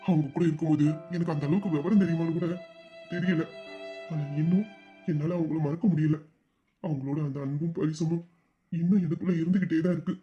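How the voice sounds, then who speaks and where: A man voicing a loving, protective young elder brother in an audio story, speaking softly and from the heart. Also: on the high side, breathy edge, highs cut off. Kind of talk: emotional audio-drama acting.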